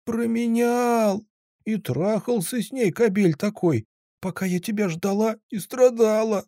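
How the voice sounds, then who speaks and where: A man's voice: high voice, measured pace, dark tone, no room sound, clean studio sound, voice pushed up. Man doing a whiny tearful girl android. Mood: weeping reproach. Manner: whiny, sobbing, sulky pleading. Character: tearful petulant young female android. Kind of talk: audiobook character voice.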